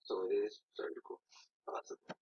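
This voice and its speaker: An actor playing a serious hospital doctor in a television medical drama. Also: male voice, fairly quick, natural voice. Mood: firm, clinical. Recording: muffled playback, very loud noise, typing clicks.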